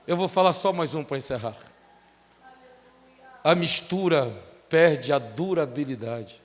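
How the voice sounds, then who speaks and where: A man's voice: on the high side, measured pace. A male pastor preaching a sermon, telling stories and driving his points home with passionate force. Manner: impassioned, storytelling preacher. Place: church sanctuary. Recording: long reverb of a church hall.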